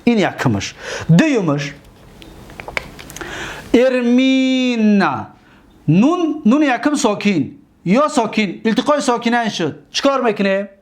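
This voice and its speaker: A man's voice: extremely high pitch, big pitch swings. A man with a Tajik accent teaching an Arabic grammar lesson. He drills verb forms, stretching out word endings, and keeps checking that his students are following.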